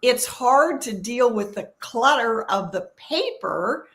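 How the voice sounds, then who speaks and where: A woman's voice: on the high side, lively intonation, slow, fairly bright tone. Older woman organizer, earnest and emphatic, casual co-host talk. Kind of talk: casual conversation.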